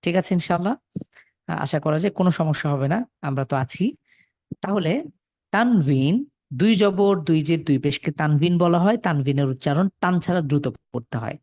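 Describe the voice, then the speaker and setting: A man's voice: a little high, expressive, normal speed, darkish tone, clean studio sound. Man patiently drilling Quran letters online. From Bangladesh. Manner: patient, repeats rules and drills syllables for students to echo. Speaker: Quran reading teacher. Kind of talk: live online lesson.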